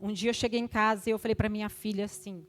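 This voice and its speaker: An older woman giving an emotional testimony at a church service, fervent, moving between loud exhortation and hushed tones. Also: mid-range voice, little pitch movement, fast talker.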